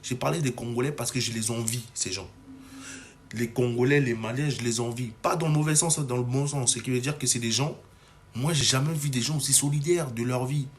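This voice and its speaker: A man's voice: mid-range voice, brisk, slight background noise. A young adult man from Cameroon delivering an agitated, ranting monologue to camera, full of restarts. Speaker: comedy video maker.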